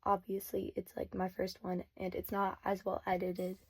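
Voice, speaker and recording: A woman's voice: medium pitch, monotone, normal speed, darkish tone, slightly rough, dry recording. A teenage girl narrating her drawing process in a casual, hesitant voice-over, full of fillers, recorded without a proper mic. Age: teens. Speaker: vlogger. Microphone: no external mic.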